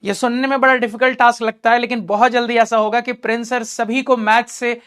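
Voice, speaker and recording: A man's voice: extremely high pitch, level tone, a little fast, fairly bright tone, clean tone. A man teaching math in an online class, encouraging his students and repeating key points while talking to them directly.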